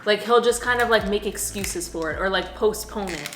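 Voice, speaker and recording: A woman's voice: medium pitch, normal speed, echoey room. A young woman from New Jersey, a couple vlogger, telling a story in casual chat, full of "like" fillers. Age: young adult. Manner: chatty, filler-heavy storytelling with many "like"s.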